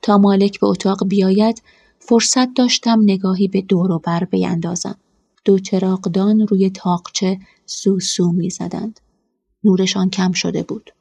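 Husky, mellow-voiced woman narrating. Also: medium pitch, level tone, no echo. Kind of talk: scripted narration of a first-person story.

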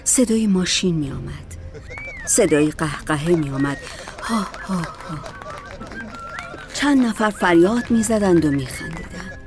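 A woman narrating a story as an audiobook in a calm, measured way. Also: on the low side, over music.

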